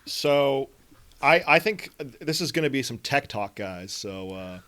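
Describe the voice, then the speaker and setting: A man's voice: medium pitch, expressive, unhurried, fairly bright tone. A man hosting a film podcast, explaining movie trivia in a rambling way with many fillers. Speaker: podcast host. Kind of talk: casual film discussion.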